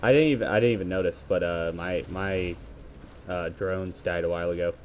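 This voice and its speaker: Speaking into his headset, a male gaming video creator rambles through play-by-play commentary, correcting himself as he goes. His voice is scratchy, low-pitched and brisk.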